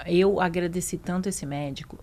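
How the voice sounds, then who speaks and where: A woman's voice: lowish voice, fairly even intonation, moderate pace, mellow. Earnest Brazilian woman telling her story. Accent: Brazilian Portuguese. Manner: earnest, reenacts conversations while recounting. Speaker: guest, mother. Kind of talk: personal storytelling in a podcast interview.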